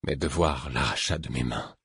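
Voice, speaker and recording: A man narrating a first-person adventure audiobook in a measured, gravely intense reading voice. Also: a bass voice, a bit bright, no room sound, studio quality.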